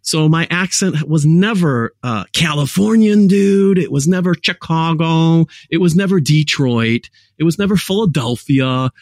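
A man's voice: fairly high pitch, normal speed, hardly any pauses, no room sound, studio quality. A man with a mixed American accent, a guest telling rambling, jokey stories in a casual interview. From United States.

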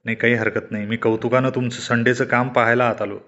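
A man voicing a genial, dignified middle-aged gentleman visitor who speaks courteously, in a storybook reading. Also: mid-range voice, flat delivery, fast talker, pitched below the performer's own voice, natural voice. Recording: dull lo-fi recording.

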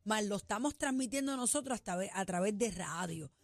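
A woman co-hosting a radio show, chatty and quick to defend her opinions in lively banter. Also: medium pitch, no echo. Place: radio studio.

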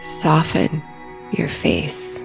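A woman guiding a meditation and affirmations in a soothing, hushed sleep story narrator manner, with new-age music behind her. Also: very slow, poor audio. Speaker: meditation guide. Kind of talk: slow guided meditation and affirmations. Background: new-age music with singing bowls.

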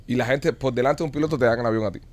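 Fast-talking joking male podcast host. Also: medium pitch, darkish tone. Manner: joking, teasing, quick-talking. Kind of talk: casual comedic banter.

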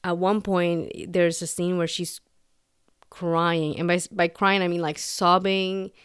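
A woman hosting a podcast, talking casually and candidly, acting out quoted lines in short animated bursts. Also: on the low side, slow pace, clean tone, no echo, studio quality. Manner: candid, animated, quotes dialogue in little acted bits. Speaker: podcast host. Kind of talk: casual commentary.

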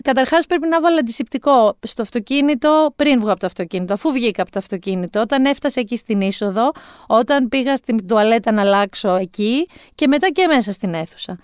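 Forties woman, comic monologue, self-mocking, smooth and a touch high. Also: animated, dry recording, clean studio sound. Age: 40s. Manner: wry, self-mocking storytelling. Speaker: storyteller.

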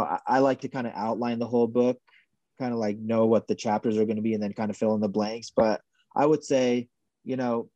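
Mellow, flat-voiced man talking as a guest. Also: mid-range voice, dry recording, lo-fi sound. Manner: soft-spoken, hedging, measured. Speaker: podcast guest, writer. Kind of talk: casual conversational interview.

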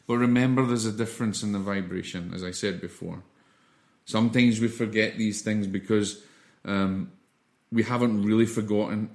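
A man teaching an informal spiritual lesson in an earnest, reassuring, explanatory way, often halting and repeating words as he goes. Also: fairly low pitch, darkish tone.

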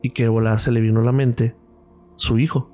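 A man with a Mexican Spanish accent tells a story as a guest on a podcast, and he voices each person in it as he goes. His voice is mellow and warm at a middle pitch. Faint music plays behind him. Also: brisk. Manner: lively storyteller, acts out quoted dialogue. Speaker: radiologist guest.

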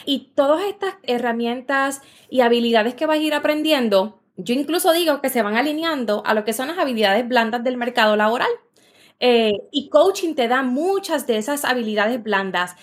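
A woman in her thirties with a Puerto Rican accent talks as a guest on a podcast. She explains things as a coach, in a relaxed and thoughtful way. She often pauses on small fillers. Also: on the high side. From Puerto Rico. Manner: thoughtful, frequent "eh" and "¿verdad?" fillers. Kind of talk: casual interview chat.

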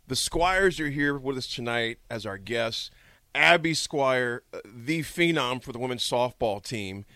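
Animated, bright-voiced male radio host. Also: mid-range voice, measured pace, no echo. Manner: animated, jokey storyteller who laughs a lot. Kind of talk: lively radio talk. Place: radio studio.

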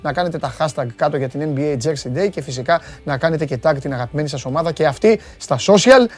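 A man hosting a live sports show, chatting casually and teasing his viewers in a loud, rough voice. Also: on the high side, soft background music. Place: studio.

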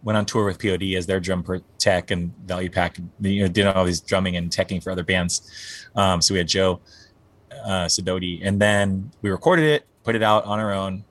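Speaking fairly quickly in a low, steady voice with no echo, a forties-aged male band singer chats casually as an interview guest. His talk wanders, with many restarted sentences and fillers.

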